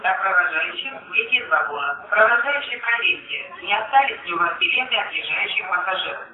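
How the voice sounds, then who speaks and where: A man reading formal, measured public-address announcements at a railway station, in the manner of an airport announcement. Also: medium pitch, lively intonation. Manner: formal, measured announcing with set phrases repeated. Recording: echoey distant station loudspeaker, muffled lo-fi.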